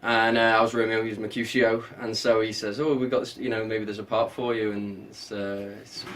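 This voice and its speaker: A male actor talking casually in an interview, easygoing and halting with many fillers. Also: lowish voice, little pitch movement, fairly bright tone, distant mic. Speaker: actor guest.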